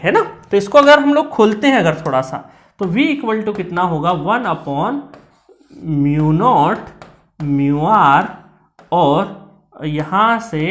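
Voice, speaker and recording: A male lecturer working through exam problems step by step, reading each question aloud slowly and checking in with frequent tag questions. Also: high-pitched.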